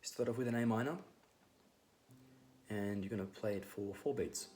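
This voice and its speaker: A man with a hoarse voice giving a relaxed guitar lesson, rambling with many fillers as he explains the chords. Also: fairly low pitch, normal speed. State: losing his voice. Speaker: guitar teacher. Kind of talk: casual guitar tutorial. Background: his own loud acoustic guitar playing.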